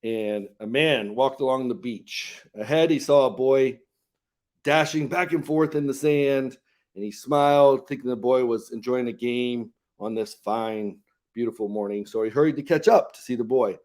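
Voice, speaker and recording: A man in his fifties, a health coach co-hosting a live show, talking earnestly and telling a story with frequent pauses and fillers. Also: mid-range voice, a little mellow. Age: 50s. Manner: earnest, pausing often with "and, uh" fillers.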